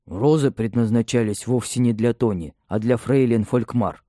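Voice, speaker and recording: A man's voice: mid-range voice, moderate pace, warm tone, dry recording, studio quality, close to an everyday voice. A man voicing a stubborn young man who speaks sullenly and defiantly to his mother.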